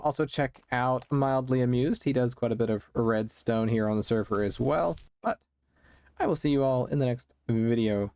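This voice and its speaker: Male creator, casual game commentary, unhurried delivery, mid-pitched, rambling and self-effacing. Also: a little mellow. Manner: rambling and halting, with many restarts; self-deprecating, easygoing. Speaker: Minecraft video creator.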